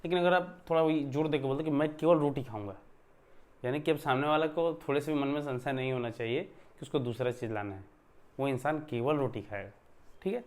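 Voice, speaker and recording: A man talks quickly in a mid-range voice while giving an online grammar explanation. His style is conversational, with regular check-ins to the audience and stressed words for emphasis.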